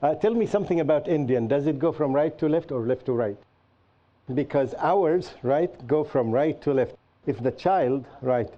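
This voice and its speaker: A man teaches a class in a medium-pitched voice and often turns to his students with questions. He explains patiently and uses examples. The recording sounds dull and lo-fi. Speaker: Qur'an teacher and show host.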